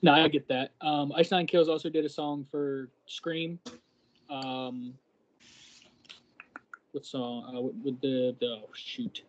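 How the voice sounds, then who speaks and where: Podcast cohost guy, kinda high voice, ums a lot hunting for words, muffled-ish sound. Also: fairly even intonation, slow pace, long pauses, a little hiss or hum. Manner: hesitant, lots of ums while searching for words. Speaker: podcast co-host. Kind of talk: casual chat.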